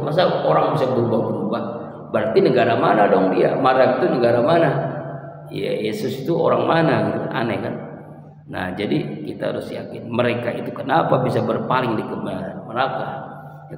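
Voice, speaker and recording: A man's voice: mid-range voice, slight background noise. A man giving a dawn sermon in a small prayer room, reciting Arabic verses and then explaining them with rhetorical questions. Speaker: preacher. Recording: very echoey room with long reverb.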